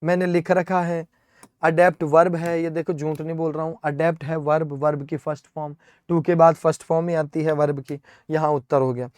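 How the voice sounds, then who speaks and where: A man with an Indian accent teaches English vocabulary for an exam, explaining step by step, spelling words out letter by letter, and constantly checking in with "है ना?". His voice sits on the high side with little pitch movement and a darkish tone, and he speaks fairly quickly. There's no echo.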